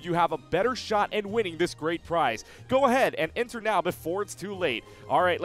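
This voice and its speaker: A man hosting an esports highlights show, recapping matches with upbeat, quick delivery and playful asides. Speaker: host.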